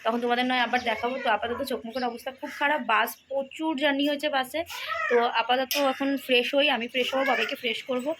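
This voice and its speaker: A woman talks to her viewers at a brisk clip on a travel vlog, her voice sitting a little high. She chats straight into her phone camera, turning each stop of the trip into a quick update. A faint background hiss runs under the phone recording. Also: steady tone. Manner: chatty, addresses viewers directly. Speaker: vlogger. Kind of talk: casual travel vlog narration. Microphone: phone camera, selfie and back camera.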